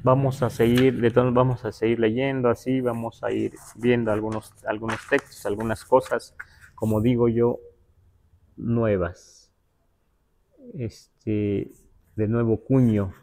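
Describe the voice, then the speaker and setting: Speaking in a flat, medium-pitched, darkish voice over slight background noise, a man from Mexico's Huasteca teaches Nahuatl on a livestream. He works slowly, reading passages and glossing them word by word, often adding "¿verdad?" to check in.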